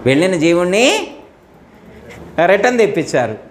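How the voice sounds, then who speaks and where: A man's voice: sits high, big pitch swings, moderate pace. A man giving a spiritual discourse, asking his listeners question after question and acting out the dialogue of the story. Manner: asks listeners rhetorical questions, acts out dialogue. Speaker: spiritual teacher. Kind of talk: Telugu religious discourse.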